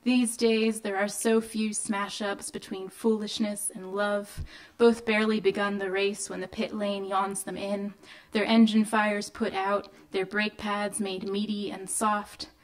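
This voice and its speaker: A woman poet reading her own poems to a live audience indoors, measured and deliberate, with loose, um-filled asides between poems. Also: mid-range voice, level tone. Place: indoor venue of a reading series.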